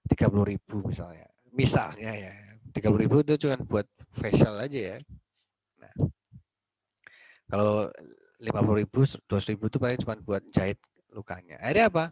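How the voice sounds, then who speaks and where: A man's voice: lowish voice, lively intonation, a little fast, pauses often, darkish tone, dry recording, rough recording. A man giving a university law lecture in a conversational way, asking and answering his own questions and acting out little dialogues.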